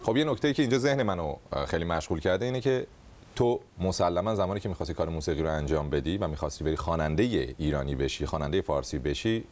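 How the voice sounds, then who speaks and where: A man's voice: low-pitched, slight background noise. A man hosting a comedy talk show, interviewing a guest in a playful, teasing way. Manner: teasing, jokey, animated asides. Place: TV studio.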